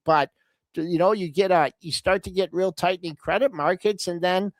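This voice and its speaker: Older lady on a market show, lowish voice with lots of movement, lots of um and you know, dry sound. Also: no echo. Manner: measured, hesitant, full of fillers and restarts. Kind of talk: casual market talk.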